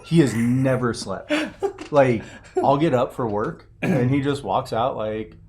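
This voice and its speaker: A man co-hosting a casual podcast, telling quick anecdotes in an easygoing way and laughing often. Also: medium pitch, a little mellow, a little hiss or hum. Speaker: podcast co-host. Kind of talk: casual chat.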